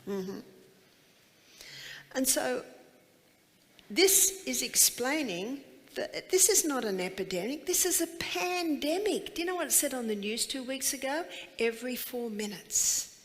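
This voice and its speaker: A woman's voice: sits high, expressive, unhurried, long pauses, big-room sound. A woman giving a health seminar to a live audience, emphatic and full of rhetorical questions.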